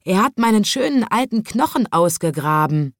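A woman's voice: mid-range voice, big pitch swings, moderate pace, no echo, clean studio sound, voice pushed up. A woman doing a whining storybook jackal. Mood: aggrieved. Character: complaining male jackal in a zoo. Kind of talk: storybook reading.

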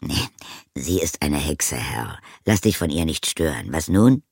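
A man voicing an earnest village blacksmith who grumbles low and stammers with many fillers. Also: sing-song, measured pace, darkish tone, breathy edge, no echo, clean studio sound, heavily acted. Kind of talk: audiobook character voice.

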